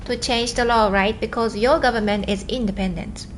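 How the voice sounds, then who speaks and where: A woman from Japan with a Japanese accent live streams casually from home, reading and answering viewer comments fast and earnestly, with halting restarts. Her voice is a little high with fairly even intonation, and there's slight background noise.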